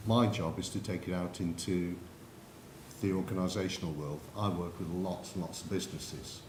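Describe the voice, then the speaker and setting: An English man delivers a presentation in a lecture hall, turning to the audience with questions and stories. His voice sits a little low, and the room rings with echo under a faint hiss. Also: steady tone, moderate pace, a little mellow. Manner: anecdotal, addresses the audience directly. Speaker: conference speaker.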